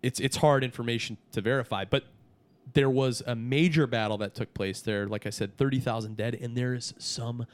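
A man's voice: mid-range voice, steady tone, brisk. A man chatting casually on a podcast as a guest, peppering his talk with "dude". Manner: casual, says dude a lot.

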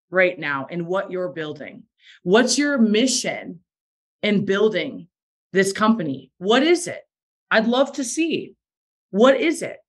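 A woman giving a motivational talk to a sales team, emphatic and repeating phrases for effect, with a bit of morning voice. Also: a little high. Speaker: direct sales team leader.

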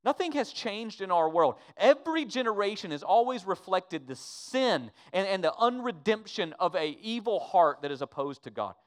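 A man preaching a sermon as pastor, swinging from hushed to emphatic and repeating words as he pleads with the church. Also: sits high, very animated, moderate pace, few pauses.

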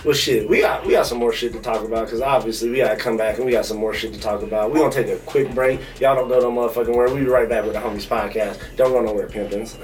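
A man's voice: mid-range voice, steady tone, fast talker, hardly any pauses, far from the mic. A man hosting a podcast in casual, profane, laid-back banter. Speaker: podcast host.

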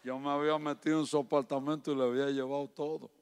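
Male preacher, fairly high voice, swings from soft storytelling to fervent preaching. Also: flat delivery, quick pace, clear, resonant tone. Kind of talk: sermon with personal testimony.

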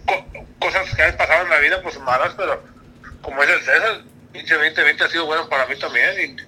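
A man's voice: on the high side, brisk, bright, forceful tone, low-quality recording. A man, a guest on a casual podcast, musing reflectively about life with frequent restarts. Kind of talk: casual chat.

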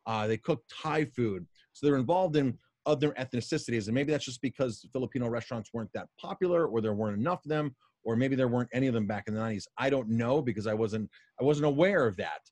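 A middle-aged man with an American accent hosts a casual interview. His voice is medium in pitch and recorded dry, without room sound. He talks effusively and at length. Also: fast talker, few pauses, a little mellow, dry recording. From Colorado, United States. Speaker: interview host.

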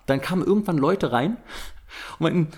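Man, casual chat, animated storyteller, lively swings in pitch. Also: a little fast, husky. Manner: animated storyteller, acts out shouting and quotes.

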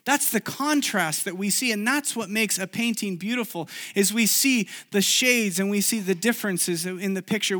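Raised in Chile, a man preaches a sermon woven with his personal testimony, speaking earnestly and confessionally with frequent restarts. His voice is high, bright, and forceful.

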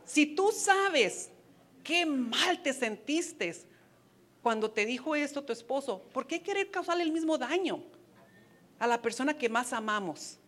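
A woman's voice: high-pitched, lively intonation, a little slow, fairly bright tone. A woman preaching a sermon to wives, earnest and advising, with playful asides. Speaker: women's ministry speaker.

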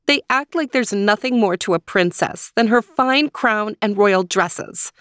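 A woman's voice: mid-range voice, lively intonation, a little slow, clear, resonant tone, pitched above the performer's own voice. A spirited young fairy-tale princess, impatient and emphatic, played by a woman lifting her voice well above her usual range. The sound is dry and close, with no room echo. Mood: eager, pleading. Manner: bright, pleading and emphatic.

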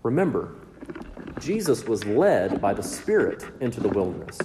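Southern preacher with a Mississippi drawl. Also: male voice, lowish voice, very animated, normal speed, noisy background. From Mississippi, United States. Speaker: pastor preaching. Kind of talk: expository sermon with scripture readings.

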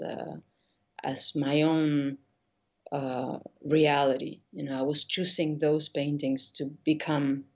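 Low-voiced argentinian-born woman, kinda hesitant, lots of restarts, muffled sound. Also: a little mellow. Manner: thoughtful, hesitant with many restarts. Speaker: guest painter. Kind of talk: casual interview conversation.

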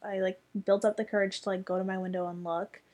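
A woman's voice: medium pitch, flat delivery, fast, a little mellow. A young woman telling a story in casual chat, chatty and full of fillers, with casual swearing.

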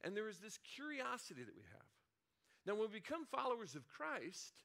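A man's voice: sits high, wildly swooping pitch, a little fast, creaky, a bit bright. A middle-aged man, a senior pastor, telling a childhood story in a conversational sermon with frequent restarts and asides.

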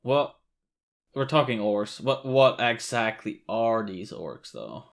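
A man's voice: medium pitch, expressive, takes it slowly, vocal fry. A man co-hosting a podcast in casual chat, laughing often and swearing casually. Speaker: podcast co-host.

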